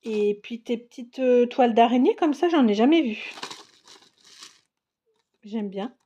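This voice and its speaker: A woman's voice: a little high, expressive, measured pace, warm tone, muffled recording. A woman narrating a crafting unboxing in a casual, chatty way, exclaiming over each item. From France. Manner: chatty, enthusiastic, exclaims and laughs often. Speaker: crafting vlogger.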